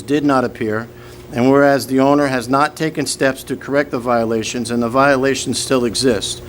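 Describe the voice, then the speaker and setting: A man chairing a village board meeting, formally reading resolutions and running procedure. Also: mid-range voice. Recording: noisy public meeting room recording.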